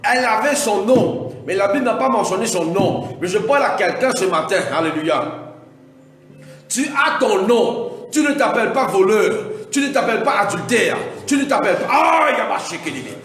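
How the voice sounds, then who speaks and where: Pastor, highish voice, alleluia every other line, echoey church from far off. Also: male voice, lively intonation, normal speed. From Mauritius. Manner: repetitive, punctuated with alleluia, builds to shouts. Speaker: preacher. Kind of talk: Pentecostal sermon. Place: large church hall. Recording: echoey hall from far off, faint music.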